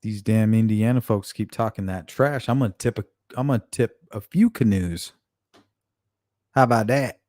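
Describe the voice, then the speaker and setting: A man with a lowish, mellow voice hosts a relaxed late-night stream. He teases his viewers, jokes, and swears casually. The sound is close and dry, with no room echo. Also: moderate pace. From Arizona. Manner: joking, teasing, profane. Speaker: live stream host.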